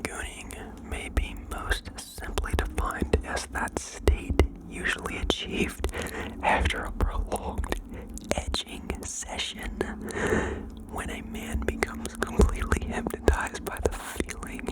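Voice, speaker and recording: An ASMR host whispering as if sharing a secret, reading out listeners' confessions and adding playful asides in a gentle way. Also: takes it slowly, rough recording.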